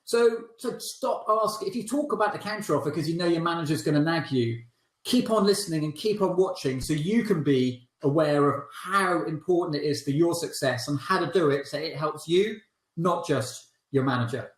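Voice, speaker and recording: A man's voice: fairly high pitch, moderate pace, reverberant. A man coaching recruiters in a training video, talking energetically and emphatically.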